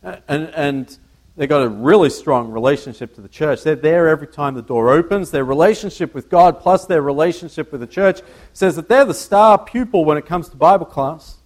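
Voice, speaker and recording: A fairly high-voiced man gives a church sermon in a conversational style, moving through slides as he goes. His delivery is full of halts and repeated words, and he regularly puts questions to the congregation.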